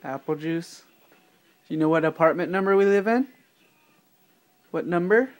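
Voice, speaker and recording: Playful young dad quizzing a toddler. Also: male voice, fairly high pitch, normal speed. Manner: patient, playful questioning with soft laughs. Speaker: father. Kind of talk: casual home video chat with a toddler. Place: family apartment at home.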